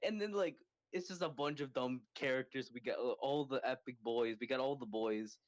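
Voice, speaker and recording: A man co-hosting a podcast, chatting casually in an excitable, rambling way, full of "like" fillers. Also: mid-range voice, moderate pace, dry recording. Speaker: podcast co-host. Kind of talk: casual chat.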